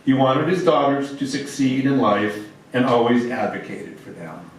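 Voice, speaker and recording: A man formally reading a prepared eulogy as officiant of a memorial service, in measured, solemn phrases. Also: medium pitch, expressive. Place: large echoey room at a gathering. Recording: echoey hall, distant mic, faint noise.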